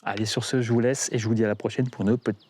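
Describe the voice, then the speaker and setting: Relaxed, joking man in casual commentary. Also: lowish voice, racing, a little hiss or hum. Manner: relaxed, joking, hesitant with fillers. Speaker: gun collector presenting his rifle.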